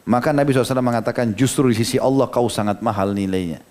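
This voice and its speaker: Racing along in a mid-range, a little mellow voice, this Indonesian Islamic preacher tells stories in his sermon and breaks each quote down in everyday language. His conversational delivery is sprinkled with casual "ya" and "gitu" asides.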